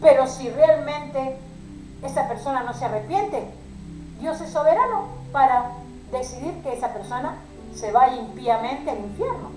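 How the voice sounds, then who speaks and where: A woman's voice: high voice, expressive, normal speed, darkish tone, echoey room, soft background music, rough recording. A woman preaching a sermon to a women's group, pleading and emotional, addressing her listeners as sisters.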